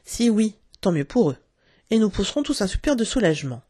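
A woman's voice: medium pitch, sing-song, fairly quick, warm tone, husky, no echo, clean studio sound. A woman reading a children's story aloud, telling it expressively and acting out the characters. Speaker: narrator.

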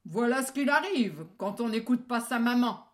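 A huge gruff papa bear from a storybook, as a woman puts him on, bellowing slowly and loudly in a big booming voice. The words are drawn out, heavy and deliberate. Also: animated, close to an everyday voice. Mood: scolding. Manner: slow, loud bellowing.

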